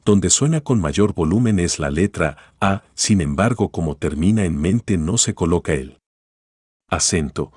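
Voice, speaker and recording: Deep husky male teacher, dry sound. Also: no room sound. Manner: calm, explanatory, guides listener through an imagined story. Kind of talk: spoken grammar lesson.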